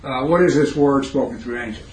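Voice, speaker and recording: In an indoor classroom, a Bible teacher speaks in a mid-range, raspy and hoarse voice, halting often and pausing to quiz the class. The recording, made on a nearby recorder, is roomy with some faint noise.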